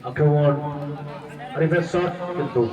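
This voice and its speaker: A man's voice: a little high, a little slow, lo-fi sound. A man giving live play-by-play football commentary. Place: outdoors at a football ground. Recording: echoey, distant mic, crowd noise. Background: crowd noise.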